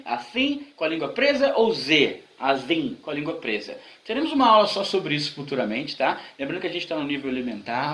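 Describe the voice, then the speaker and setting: A man's voice: high voice, fairly bright tone, roomy sound, low-quality recording. A man from Brazil teaching an online English grammar lesson, explaining patiently and repeating examples.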